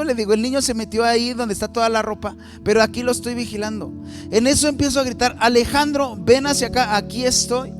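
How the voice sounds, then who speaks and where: Male pastor, thirties, very high voice, earnest, repetitive sermon delivery aimed at the listener. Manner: earnest storytelling, often repeating and rephrasing, speaking straight to the listener. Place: church.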